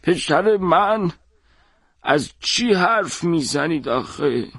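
A man voicing a gentle, patient old man in an audiobook, speaking slowly and softly. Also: fairly high pitch, husky, no echo, studio quality, pitched above the performer's own voice, heavily acted. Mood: calm, puzzled. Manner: slow, soft, calm. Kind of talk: audiobook character voice.

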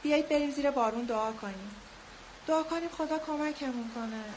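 An actress playing a kindly hospital colleague who invites friends outside. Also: female voice, high-pitched, close to an everyday voice, rough recording. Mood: inviting. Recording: loud background noise.

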